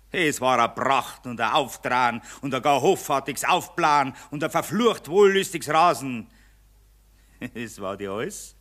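An actor playing a gloating, mocking male spirit of money in a radio play, speaking with a Bavarian accent and swinging from loud jeers to low sneers. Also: heavily acted.

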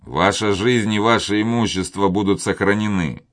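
A man's voice: lowish voice, moderate pace, a bit bright, close to an everyday voice. A man voicing a determined young nobleman who speaks firmly and earnestly.

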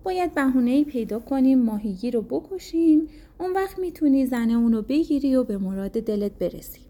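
A woman voicing a cunning, flattering vizier who advises his king in a folktale. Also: high voice. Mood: sly. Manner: sly, deferential to the king.

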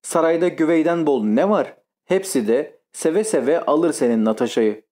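A male audiobook reader voicing a pious, fretful elderly noblewoman with a mellow voice. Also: on the high side, animated, normal speed, close to an everyday voice. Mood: pleading. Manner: tearful pleading.

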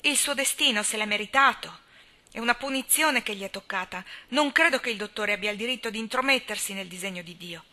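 A woman voicing an outspoken, indignant older spinster who scolds in a high, emphatic voice. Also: a little fast, pushed and bright, lightly acted. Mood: scolding.

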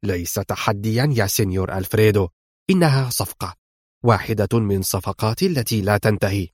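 A man's voice: on the low side, fairly quick, no room sound, clean studio sound, lightly acted. A man voicing a gloating, mocking male crime boss who taunts with smug confidence in an audiobook.

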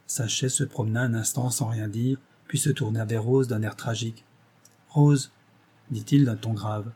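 A man narrating a novel as an audiobook in a measured, even storytelling manner. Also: lowish voice, husky.

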